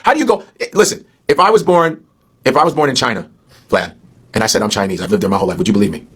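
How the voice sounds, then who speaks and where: Brief: male comedian guest, very fast and animated, slightly husky voice. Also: fairly low pitch. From born in the US to Nigerian parents. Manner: loud, profane, animated storytelling. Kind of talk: heated casual podcast talk.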